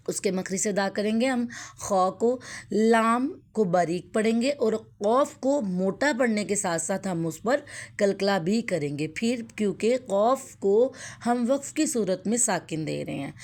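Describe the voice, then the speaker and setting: A young adult woman teaching Quran recitation rules, explaining patiently and then reciting each word slowly and drawn out. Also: medium pitch, a little mellow. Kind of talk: tajweed lesson with slow recitation.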